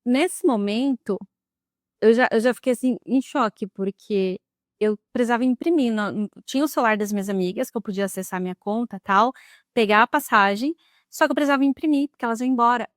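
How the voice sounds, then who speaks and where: A woman's voice: a little high, fairly quick, dry recording, studio quality. A young woman telling a personal story to camera in a dramatic, emotional way. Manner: dramatic, emotional retelling with lively quoted speech. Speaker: vlogger.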